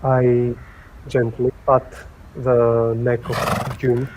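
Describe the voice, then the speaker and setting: Man player in a tabletop game, monotone, gentle formal in-character lines, faint hiss. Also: mid-range voice, extremely slow. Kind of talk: tabletop role-play, in and out of character.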